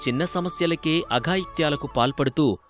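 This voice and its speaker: A man's voice: fairly high pitch, faint music behind. Man reading a news feature voice-over. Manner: measured and formal. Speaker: news reporter. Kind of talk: scripted news narration.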